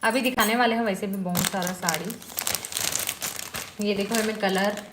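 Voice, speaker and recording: A woman's voice: mid-range voice, steady tone, normal speed. A woman with a Chhattisgarhi accent, showing suits and saris in a casual sales vlog, coaxing and chatty with lots of tag questions. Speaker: vlogger selling clothes. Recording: echoey room with background noise.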